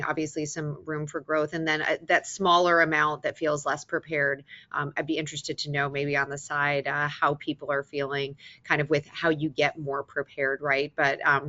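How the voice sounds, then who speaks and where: A woman speaking as a panelist on a business webinar, quick and casual with many fillers. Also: sits low, sharp tone. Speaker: panelist, intelligence executive. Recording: slightly dull video-call audio.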